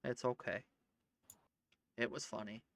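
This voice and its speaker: A man's voice: medium pitch, steady tone, measured pace, a bit bright, no room sound. A man chatting casually while playing a video game with a friend, easygoing and agreeable. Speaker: gaming co-host.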